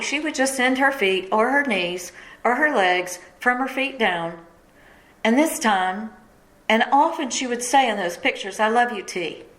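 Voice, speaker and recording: A woman's voice: on the high side, a bit bright, low-quality recording. A middle-aged woman, tearing up as she tells her listeners a personal story of pain and surrender in an emotional, heartfelt way. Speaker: radio host and speaker.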